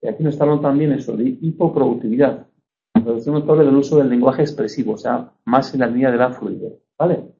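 A man from Spain teaches a lecture in a relaxed, mellow voice of middle pitch. He explains patiently, with frequent little check-ins to his listeners. The recording sounds dull and lo-fi. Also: fast talker, gravelly, slight background noise. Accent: Spanish (Spain). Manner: explanatory, checks understanding with frequent tag questions. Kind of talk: university lecture.

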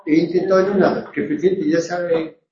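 A man's voice: a little high, fairly even intonation, a little fast, dark tone. A male student asking questions in class, hesitant and polite. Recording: roomy lo-fi classroom recording.

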